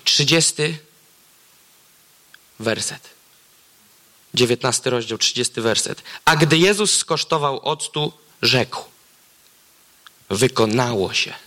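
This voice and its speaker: A man preaching a sermon, reading scripture aloud and swinging between excited exclamations and hushed, low emphasis. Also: slow pace, pauses often.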